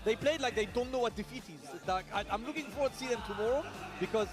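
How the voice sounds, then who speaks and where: A man's voice: very high-pitched, fast. A man hosting a live esports desk with casual, gamer-bro commentary. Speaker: esports commentator and broadcast host. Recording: loud music behind. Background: music.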